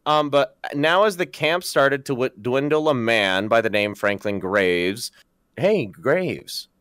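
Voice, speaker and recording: Male podcast co-host, lively and joking, dry close mic, casual reading. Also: mid-range voice, slow, clean tone, no echo. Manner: joking, laughs often, stumbles over the script.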